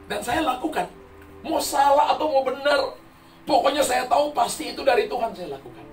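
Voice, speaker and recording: A man's voice: extremely high pitch, animated, a little fast. A man pastor preaching a sermon to a congregation, telling funny stories and laughing often as he goes. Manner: humorous storytelling, laughing often. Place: church hall. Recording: roomy echo from far mic, music. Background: music.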